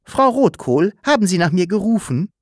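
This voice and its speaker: A man's voice: high-pitched, sing-song, normal speed, no echo, clean studio sound, voice pushed up. A man voicing a mild, flustered lodger who is a single father, speaking politely in a puzzled, raised voice in an audiobook.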